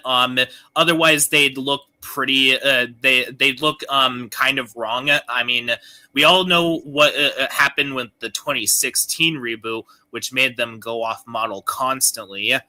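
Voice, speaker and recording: A man co-hosting a casual cartoon podcast, talking in a halting way with many ums and restarts. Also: medium pitch, pushed and bright. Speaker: podcast co-host.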